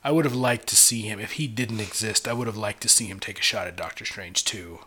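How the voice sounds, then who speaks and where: A man's voice: fairly low pitch, brisk, bright, forceful tone, husky. Eager rambling man chatting casually. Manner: eager, rambling, explains at length. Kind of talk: casual chat.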